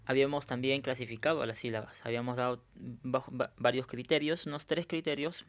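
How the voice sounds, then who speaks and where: A man's voice: medium pitch, fairly even intonation, brisk. A male teacher going over a review lesson, explaining step by step and often checking in with his students.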